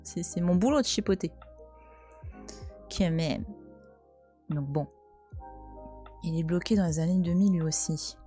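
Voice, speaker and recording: A woman's voice: fairly low pitch, measured pace, long pauses, mellow, soft background music. A French woman in her thirties, chatting casually and teasingly on a live stream from home, talking back to her chat. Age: 30s. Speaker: Twitch streamer. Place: at home, cat nearby.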